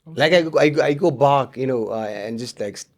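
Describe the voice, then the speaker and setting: A man's voice: medium pitch, fairly quick, darkish tone. A Kenyan man, a comedian and radio presenter, chatting casually as an interview guest, upbeat and full of fillers and restarts. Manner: upbeat, code-switching, many fillers and restarts.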